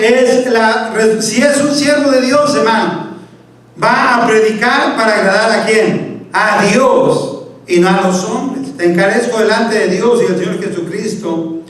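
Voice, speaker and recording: A man's voice: high voice, fairly bright tone. A man preaching a sermon as pastor, reading scripture and constantly calling out to his listeners as brother. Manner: repeatedly addresses listeners as "hermano"; reads scripture and asks the congregation "¿sí o no? Amén". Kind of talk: Baptist sermon. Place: church sanctuary. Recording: very echoey church, mic at a distance.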